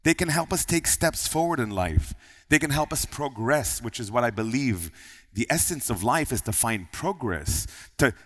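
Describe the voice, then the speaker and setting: A man's voice: mid-range voice, big pitch swings, normal speed. A man giving a motivational keynote talk at a live event, earnest and emphatic, stacking lists of points. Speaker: keynote speaker. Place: event hall on stage. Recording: long hall reverb.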